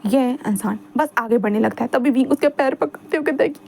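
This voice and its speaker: A woman reading fan fiction aloud in a relaxed, chatty manner, with loose fillers between lines. Her voice is mellow and dark-toned while sitting a little high. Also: brisk, gravelly, slight background noise. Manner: chatty, informal narration with filler words. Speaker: storyteller.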